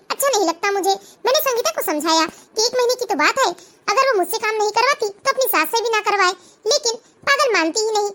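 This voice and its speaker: A sly middle-aged mother schemes in a high, sugary cartoon voice, as a woman plays her. Her talk is falsely kind and coaxing, with an edge of cunning underneath. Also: a bit bright. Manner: falsely sweet, honeyed. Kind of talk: cartoon voice acting.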